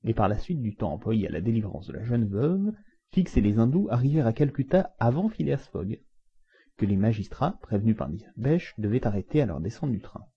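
A man narrating a classic adventure novel aloud in an expressive, dramatic reading style. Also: fairly low pitch, a little fast, slightly rough. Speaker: audiobook narrator. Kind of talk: storybook narration. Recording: dull lo-fi recording.

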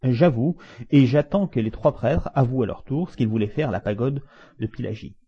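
A man reading aloud and voicing a cool, unflappable English gentleman who speaks coldly and briefly. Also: mid-range voice, lively intonation, moderate pace, husky, muffled recording. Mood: composed. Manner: cold, clipped.

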